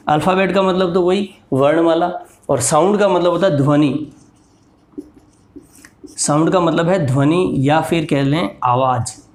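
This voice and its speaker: A man's voice: fairly high pitch, roomy sound. A man teaching English to beginners, explaining each letter's sounds and patiently repeating words and examples. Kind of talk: slow explanatory lesson.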